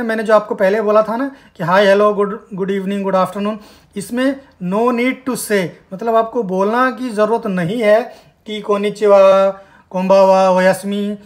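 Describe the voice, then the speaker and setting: A man teaching a spoken language lesson, repeating words slowly and emphatically for learners to copy. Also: high-pitched. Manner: slow, emphatic repetition of words.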